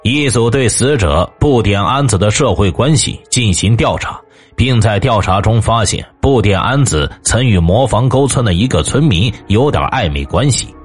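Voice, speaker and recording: Husky man narrating a crime story. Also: on the low side, normal speed, soft background music. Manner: storytelling, lively intonation. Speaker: host. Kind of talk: scripted true-crime narration.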